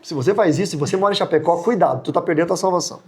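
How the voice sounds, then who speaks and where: A man, a pastor teaching a Bible study in a joking, animated way that often jumps into high mocking tones. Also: racing.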